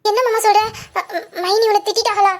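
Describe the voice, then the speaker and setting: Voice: very high-pitched, little pitch movement, fast. A performer voicing a sweet, affectionate young girl in an audio drama, talking earnestly and fondly with light giggles. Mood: tender. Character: sweet affectionate young girl who adores her uncle.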